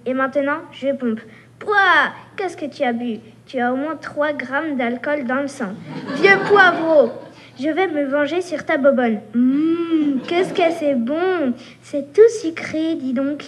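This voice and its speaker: A woman's voice: high voice, a little hiss or hum. A woman reading aloud as a cheeky, teasing little female mosquito, taunting and buzzing. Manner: taunting, playful, buzzing sounds. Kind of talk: reading a story aloud at a workshop.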